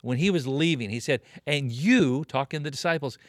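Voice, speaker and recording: A pastor in his late fifties, a guest on a conversational interview about ministry leadership, speaks earnestly and preacher-like, leaning on emphatic repetition. His voice is mid-range and brisk, captured in clean studio sound with no echo.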